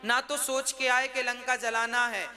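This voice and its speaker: A man's voice: extremely high pitch, flat delivery, measured pace, sharp tone. A male preacher telling a devotional story in a dramatic, emotive way, breaking into sung verse. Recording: instrumental music behind.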